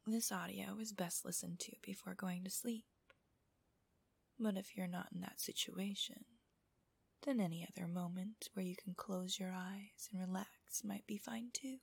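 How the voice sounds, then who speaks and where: A woman whispers softly and slowly in an intimate, teasing ASMR style. Her voice is very breathy and airy, with a crackle of fry at the edges. The sound is dry and close, and her pace is unhurried. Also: medium pitch, fairly even intonation, dry recording. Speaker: host of erotic relaxation audios. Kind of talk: whispered ASMR audio narration for adults.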